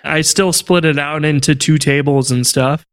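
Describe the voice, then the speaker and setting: A man with a slightly higher, smooth and resonant voice chats casually on a tech podcast. He tells stories with animated exasperation. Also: normal speed. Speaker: podcast co-host.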